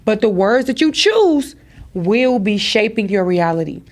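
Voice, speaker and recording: A woman hosting a podcast, herself a mother of daughters, speaks a little slowly in a sing-song, medium-pitched voice. She gives listeners a direct, sermon-style pep talk full of emphatic repeated lines.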